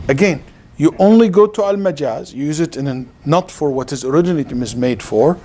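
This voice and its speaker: In a live class at an Islamic center, an Arabic-accented Islamic lecturer teaches an interactive religious lesson, explaining didactically and quizzing listeners to confirm understanding. He speaks fairly quickly, with a slightly high, mellow, animated voice. The room recording is noticeably noisy.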